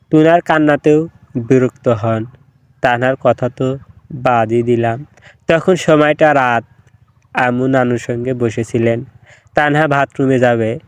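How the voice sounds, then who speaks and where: A man reads a story aloud slowly and deliberately. His voice is smooth and clear, recorded close and dry with no room sound. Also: mid-range voice, dry recording. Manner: slow, measured, voicing each character's dialogue. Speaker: story narrator. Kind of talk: scripted story narration.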